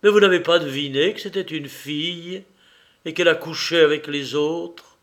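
A frail, desperate young man in an audiobook, pitched a little high and pressing every word as he begs, as a man reading aloud puts him on. His voice rises in urgent, imploring bursts, slower and more weighted than ordinary talk. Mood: exasperated.

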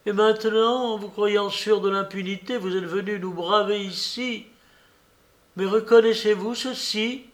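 Shrill, loud accusing woman figure, read by a man, high-strung exclamations. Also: fairly even intonation, measured pace. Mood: indignant.

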